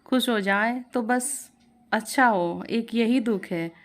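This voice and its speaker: A woman's voice: on the high side, slow pace. Woman playing a cheerful young bride. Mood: fond. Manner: affectionate, coaxing. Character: cheerful young bride, fond of her parrot.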